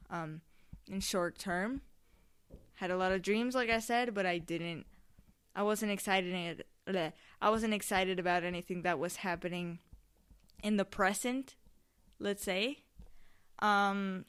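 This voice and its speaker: A woman's voice: medium pitch, a bit bright, clear, resonant tone. A young woman of seventeen hosting a casual solo podcast in an informal, rambling way, often interrupting herself and wandering off on digressions. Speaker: podcast host. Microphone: microphone on a tripod.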